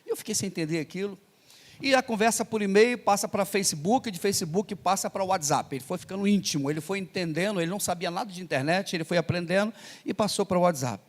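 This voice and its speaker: Fast-talking older Brazilian preacher, reverberant hall. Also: male voice, high voice. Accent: Brazilian Portuguese. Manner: hurried, animated, banters with the congregation. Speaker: missionary pastor. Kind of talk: storytelling sermon. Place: church hall.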